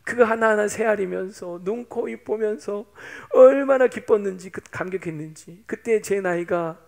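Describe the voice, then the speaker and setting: Man, 50s, pastor, sermon, chatty, teasing, high pitch, gravelly. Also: normal speed, darkish tone. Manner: chatty, playful, teasing the congregation.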